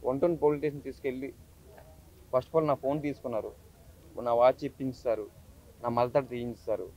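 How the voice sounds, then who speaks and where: This man, a YouTuber from Visakhapatnam, India, gives an emotional press statement, recounting his story with urgency and passion. His mid-range voice is mellow, with fairly even intonation and a fairly quick pace.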